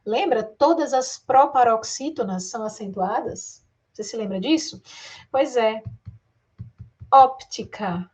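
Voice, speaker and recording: A fairly high-voiced Brazilian woman teaching exam-prep grammar. She draws words out slowly, syllable by syllable, and keeps asking her students questions as she goes. Her delivery is lively and direct. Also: breathy edge. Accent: Brazilian Portuguese. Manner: addresses students directly, asks rhetorical questions.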